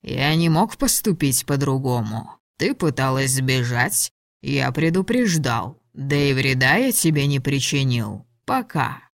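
Audiobook: a woman voicing a low, sardonic male dragon lord, dry booth. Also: sing-song, unhurried, vocal fry, no echo, exaggerated voice. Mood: mocking. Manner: sardonic, teasing. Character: mocking male dragon lord in human form. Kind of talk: audiobook dialogue reading.

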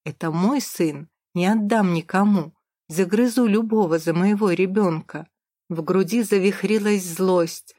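A woman's voice: medium pitch, unhurried, warm tone, dry recording, studio quality. A woman narrating a first-person novel in a dramatic, vivid storytelling manner. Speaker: audiobook narrator.

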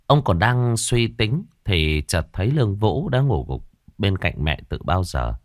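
Deep-voiced man telling a ghost story. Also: big pitch swings, unhurried, dry recording, clean studio sound.

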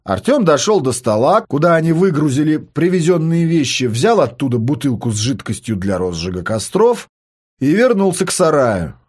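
A man reading a story aloud, narrating in a steady, dramatic way. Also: on the high side, moderate pace.

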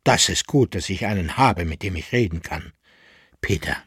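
An exasperated merchant grumbles about his troubles in a dry, close radio reading. A man reads him with a husky voice that carries a steady note of complaint. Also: sits low, normal speed, dry recording, pitched below the performer's own voice, exaggerated voice. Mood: aggrieved. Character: indignant middle-aged male merchant, grumbling.

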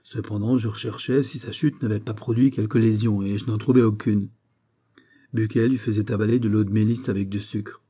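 A man reading a nineteenth-century short story aloud in a measured, steady narrating manner. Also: fairly low pitch, slightly rough. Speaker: audiobook reader. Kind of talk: literary audiobook narration.

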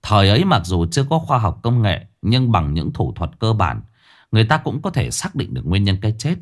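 Man telling a ghost story, lively low voice. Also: a little fast. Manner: theatrical, swinging delivery. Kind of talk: dramatic ghost story narration. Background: faint music.

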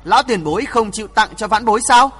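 Brief: male reader doing a steady young swordsman, firm and respectful, bright husky tone, reverb behind. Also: high voice, fast talker, soft background music, heavily acted. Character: bold, polite young man swordsman.

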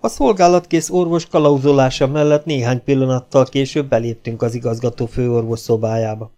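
A man's voice: medium pitch, steady tone, mellow. A man reading an audiobook aloud, narrating in a dry, wry first-person manner. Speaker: audiobook reader.

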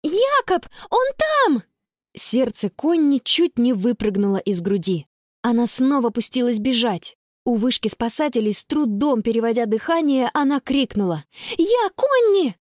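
A woman narrating a children's audiobook with expressive storytelling. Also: a little high, moderate pace, dry recording, studio quality.

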